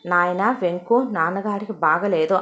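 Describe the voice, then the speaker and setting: A woman's voice: lowish voice, normal speed, fairly bright tone, close to an everyday voice. A woman voicing a fretful, fussing middle-aged mother in an audio story.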